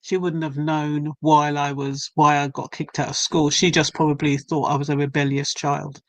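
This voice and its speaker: Speaking low with a flat delivery, a 70-something English poet and author shares measured, reflective stories in a casual chat. The recording has no echo and a dry sound.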